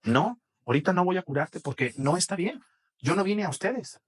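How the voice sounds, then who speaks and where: A man with a Mexican accent voicing a firm male teacher who calmly turns down a plea. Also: sits high, moderate pace, slightly rough, voice pushed up, heavily acted.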